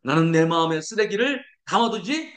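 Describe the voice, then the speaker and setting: A man's voice: sits high, lively intonation, moderate pace. A man preaching a sermon as pastor, leading the congregation in declarations and asking rhetorical questions he answers himself. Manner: declarative, leads congregation in call-and-response.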